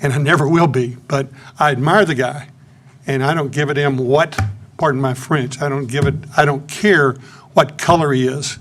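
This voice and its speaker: A man's voice: mid-range voice, steady tone, moderate pace, fairly bright tone. A man in his eighties with a Central Texas accent, speaking bluntly and plainly during public comment at a city council meeting, into a podium microphone. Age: 80s.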